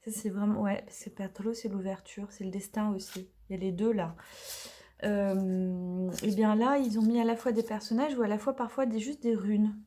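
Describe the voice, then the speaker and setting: A woman's voice: mid-range voice, steady tone, moderate pace, dark tone. A woman casually unboxing and reviewing an oracle card deck, talking chattily with many hesitations and now and then dropping to a whisper.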